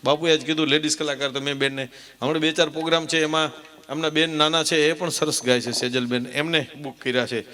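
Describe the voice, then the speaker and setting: A man's voice: fairly high pitch, steady tone, quick pace, bright, forceful tone. A man with a Kathiawadi Gujarati accent, performing live dayro storytelling with humor, speaking emphatically and calling the audience "saheb" as he goes. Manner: rhythmic declamation of rhyming lists. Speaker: folk stage storyteller and humorist. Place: live stage program at a temple event. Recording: live PA sound with long hall reverb and faint music.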